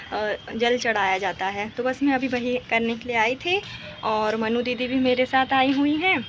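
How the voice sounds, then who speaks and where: Chatty high-voiced woman vlogging outdoors. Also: a bit bright, muffled recording. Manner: chatty, loose and rambling, heavy on fillers. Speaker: home vlogger. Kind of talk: casual home vlog chat. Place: rooftop of a house, outdoors. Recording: noisy outdoor recording.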